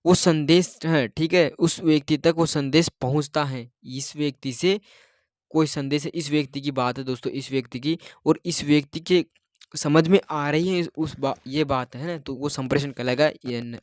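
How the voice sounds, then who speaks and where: Man, teacher, exam-prep lecture, repeats himself, checks in often, slightly high voice, dry close sound. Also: dry recording. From India. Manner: repetitive, checks in with 'ठीक है?' often.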